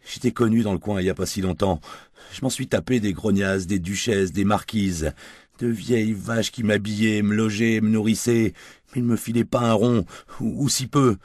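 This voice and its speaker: A man's voice: lowish voice, steady tone, moderate pace, a little mellow, no room sound, studio quality, voice pushed up. A man reading the part of a tipsy, crude, washed-up gigolo who rambles in coarse slang and whines. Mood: self-pitying. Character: washed-up male gigolo, crude, drunk, self-pitying.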